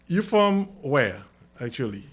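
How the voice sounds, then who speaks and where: A man's voice: mid-range voice, big pitch swings, measured pace. Jovial Haitian-born male host. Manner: jovial storyteller, laughs at his own jokes. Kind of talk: casual talk-show hosting.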